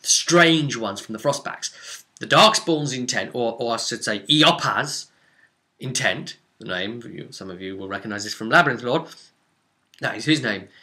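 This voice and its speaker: Speaking at a moderate pace in a medium-pitched voice, this man sounds pushed and bright, with lively intonation. As game master, he narrates a tabletop fantasy session as a story, peppered with rhetorical asides aimed at his audience.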